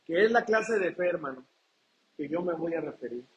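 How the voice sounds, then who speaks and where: High-voiced man preaching. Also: animated, muffled recording. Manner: preaching with rhetorical questions to the congregation; reads scripture aloud slowly and deliberately. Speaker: pastor. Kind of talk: sermon.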